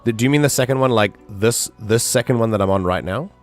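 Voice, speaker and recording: A man's voice: on the low side, quick pace, faint music behind. A man chatting casually as he streams a game, in a rambling, hesitant way. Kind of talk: casual livestream chat.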